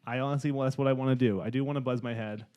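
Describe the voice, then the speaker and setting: Man, casual co-host, rambles and backtracks, middle pitch. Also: fairly even intonation, very fast, darkish tone, lo-fi sound. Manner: rambling, self-correcting, joking defensively. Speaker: podcast co-host. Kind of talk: casual chat.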